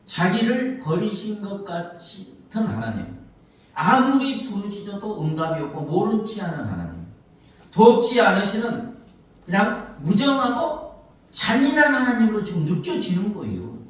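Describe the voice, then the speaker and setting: A man's voice: high-pitched, big pitch swings, unhurried. A male pastor preaching a Sunday sermon. He acts out pleading prayers and puts questions to the congregation. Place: church sanctuary. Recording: echoey church hall, mic at a distance.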